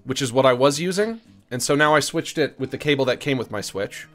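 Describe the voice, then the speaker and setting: A man's voice: mid-range voice, animated, a little fast, faint music behind. A man giving casual, playful video game commentary, often silly and repeating himself.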